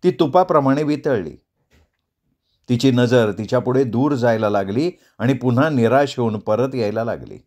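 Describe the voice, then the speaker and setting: Expressive male storyteller. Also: medium pitch, moderate pace. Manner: expressive, acts out dialogue voices. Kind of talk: storytelling narration of a novel.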